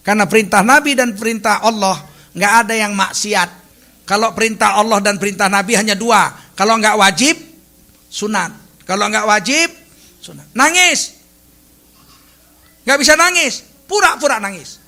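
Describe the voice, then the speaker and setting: Bright, high-voiced animated male preacher. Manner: animated, humorous, acts out little quoted voices. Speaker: Islamic preacher. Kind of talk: sermon.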